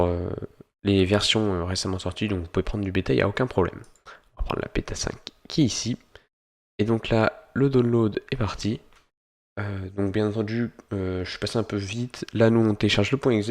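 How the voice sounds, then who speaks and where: The host of a gaming tutorial channel narrates a screen-recorded software tutorial in a lowish voice, explaining each step in order and linking them with "donc." He sounds hesitant, often pausing to search for words.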